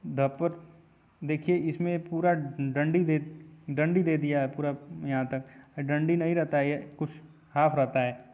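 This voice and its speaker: A man's voice: fairly high pitch, steady tone. Man teaching spelling over tinny audio. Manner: repetitive, drills each word slowly. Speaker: exam prep teacher. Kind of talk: spelling lesson.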